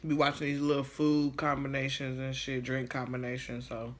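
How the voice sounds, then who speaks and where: A man's voice: mid-range voice, completely flat delivery, moderate pace, a bit bright. A man chatting casually to viewers in a slangy, laid-back way while eating, chewing as he talks. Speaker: mukbang vlogger.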